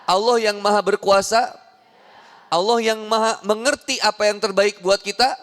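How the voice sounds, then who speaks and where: A man preaching with a Sundanese accent to a women's audience, lively and jokey, acting out little everyday scenes in different voices. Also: sits high, normal speed. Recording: long hall reverb.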